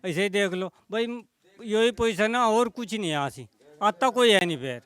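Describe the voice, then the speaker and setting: A high-voiced man in a street interview, resigned and matter-of-fact. His voice sounds clear and close, with a dry sound. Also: animated, moderate pace, fairly bright tone, dry recording. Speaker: villager interviewed.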